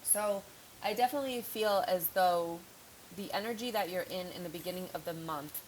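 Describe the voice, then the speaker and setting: Chatty woman reading tarot, low voice. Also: moderate pace, a little mellow, a little hiss or hum, poor audio. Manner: chatty, frank, thinks aloud with fillers. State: slightly sore throat, coughing. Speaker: tarot reader. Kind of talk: casual tarot reading to camera.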